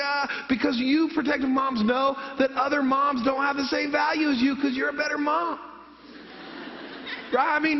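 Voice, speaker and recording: High-voiced pastor in an echoey hall. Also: male voice, muffled recording. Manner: storytelling, acts out voices of himself and his mom. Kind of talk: sermon. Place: church sanctuary.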